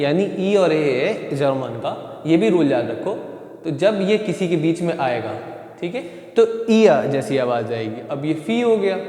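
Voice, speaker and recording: High-voiced man teaching in echo. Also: darkish tone. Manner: repeats questions to students, explains step by step. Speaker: German teacher. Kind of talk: online class explanation. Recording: echoey room, long reverb.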